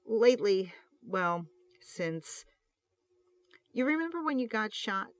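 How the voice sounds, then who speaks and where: Reader voices an anxious, impulsive male detective who pleads loudly and roughly. Storybook reading. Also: medium pitch, big pitch swings, slow pace, dry recording, studio quality, voice pushed up. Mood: pleading. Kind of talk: audiobook reading of fan fiction.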